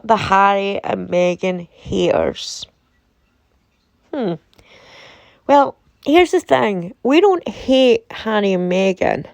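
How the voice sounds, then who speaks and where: Woman from the UK, sore throat, creaky voice in a dry recording; opinionated, emphatic casual commentary. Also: mid-range voice, a little mellow, no echo. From United Kingdom. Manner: deliberate, emphatic, repeating phrases for effect. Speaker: commentator reading and reacting to a website.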